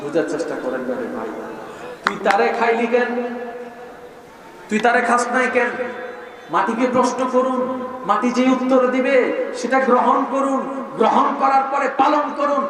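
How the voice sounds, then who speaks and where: High-voiced male preacher, shouting, echoing. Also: normal speed, long pauses. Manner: impassioned, often shouting, rhetorical questions. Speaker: Islamic preacher. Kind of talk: fervent waz sermon with crowd call-and-response. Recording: echoey PA sound from far off with crowd. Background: crowd of listeners.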